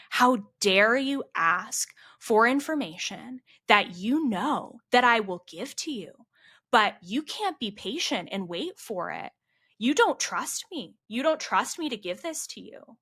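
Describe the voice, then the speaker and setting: A woman voicing an angry female spiritual mentor who scolds in a hissing, unvoiced whisper, slow and cutting. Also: medium pitch, sing-song, sharp tone, slightly rough, full character voice. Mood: angry, accusing.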